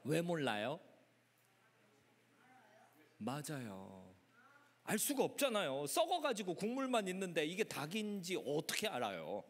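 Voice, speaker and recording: A man preaching an animated sermon to young people, acting out characters' voices in dramatic bursts. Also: a little high, in a large hall. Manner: acts out voices of teens and grandma in quick dramatic bursts. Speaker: pastor. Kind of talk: animated youth camp sermon.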